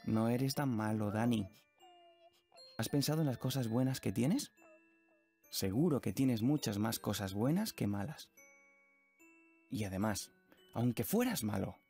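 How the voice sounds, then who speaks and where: A man playing a friar presenter on a children's TV show. He speaks in a gentle, questioning, teacherly way. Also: mid-range voice, animated, a little slow, creaky, pauses often, husky, full character voice. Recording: music underneath.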